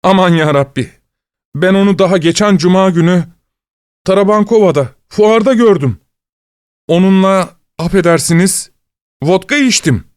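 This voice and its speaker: A man voicing a stout, excitable investigator of about sixty who talks in a high, agitated rush. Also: measured pace, no room sound, studio quality. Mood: shocked.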